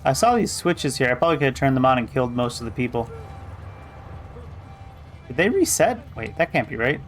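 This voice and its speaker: A man gives casual playthrough commentary as a streamer. His voice sits at a middle pitch as he muses to himself, with faint game music behind him. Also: sing-song, a little fast. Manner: musing aloud to himself.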